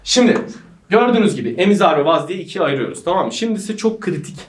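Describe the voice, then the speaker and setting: A man's voice: high-pitched, animated, fast. A man teaching English to a group of friends, joking and teasing as he explains. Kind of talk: playful group lesson banter. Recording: echoey room, mic at a distance.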